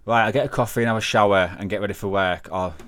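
A man's voice: on the low side, fairly even intonation, quick pace, fairly bright tone, no echo. A man hosting a casual paranormal podcast, chatty and rambling, often correcting himself mid-sentence. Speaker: podcast host, paranormal investigator.

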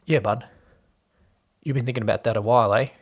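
A man voicing a relaxed, teasing young man, speaking in a low-key, casual way. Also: fairly quick, husky.

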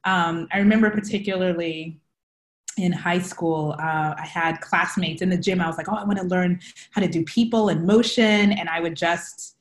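A woman's voice: lowish voice, fairly even intonation, normal speed. A woman photographer is a podcast guest and tells her story, laughing easily. Her voice has a roomy echo around it. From Uganda and Zimbabwe, then US South. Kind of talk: casual interview chat.

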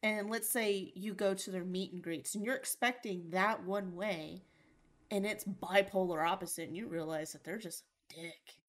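A woman's voice: medium pitch, normal speed. A woman interviewing a streamer, asking plain questions and agreeing along. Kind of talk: casual interview.

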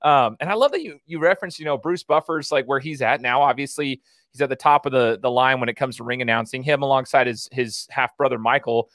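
A man's voice: mid-range voice, brisk, a bit bright, no echo, studio quality. A man hosting a casual interview podcast, chatting in an enthusiastic, rambling way. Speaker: podcast host.

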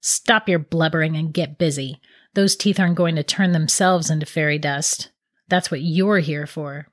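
A woman voicing a wicked, cackling female dark witch in a storybook reading, slow and gloating. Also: sits low, no echo, studio quality, close to an everyday voice.

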